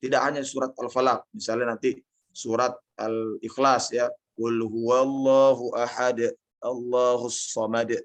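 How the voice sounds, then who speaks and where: Indonesian man, recitation teacher, patient, models each sound slowly, mid-pitched voice. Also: level tone. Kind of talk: online tajwid lesson, correcting recitation.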